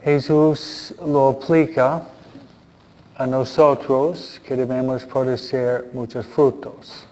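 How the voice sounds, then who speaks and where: Slow-paced priest, dull muffled recording. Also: male voice, little pitch movement, warm tone, big-room sound. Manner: deliberate, with frequent pauses. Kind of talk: Gospel reading and homily. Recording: dull, muffled low-fidelity sound.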